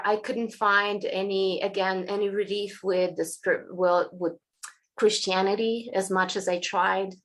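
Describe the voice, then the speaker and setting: A woman from Eastern Europe telling her story frankly as an interview guest, halting, losing her voice and clearing her throat. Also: medium pitch, fairly bright tone. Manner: frank, halting, many restarts. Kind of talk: candid personal storytelling.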